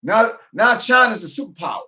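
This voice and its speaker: A man, a military veteran, talking in a loud, profane, casual monologue, breaking into laughter as he goes. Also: high voice, a little fast. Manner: loud, profane, laughing asides, animated rant.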